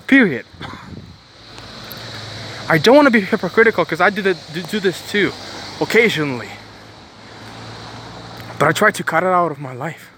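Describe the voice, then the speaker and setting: A man's voice: sits high, lively intonation, moderate pace, long pauses, pushed and bright, a little hiss or hum. A man giving a preachy motivational monologue, stressing points by repeating phrases and often restarting his sentences. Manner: rambling with frequent restarts.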